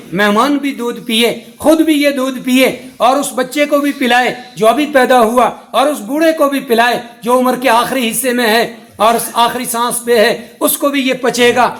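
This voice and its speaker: A man's voice: very high-pitched, few pauses, fairly bright tone. A middle-aged man giving a religious sermon as a mufti, preaching in rhythmic, repetitive lists.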